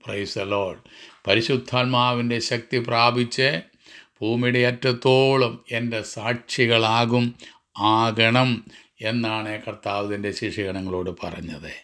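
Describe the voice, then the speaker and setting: A man preaching a sermon and leading a prayer, speaking in measured phrases with frequent calls of praise. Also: medium pitch, steady tone, a bit bright. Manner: measured preaching, repeated "praise the Lord" and "hallelujah".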